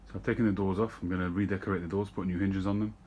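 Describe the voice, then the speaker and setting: A middle-aged Englishman vlogs about pipe tobacco from his desk at home, talking casually to camera in a relaxed, unhurried way with frequent ums. His voice is low-pitched, and there's a little hiss or hum.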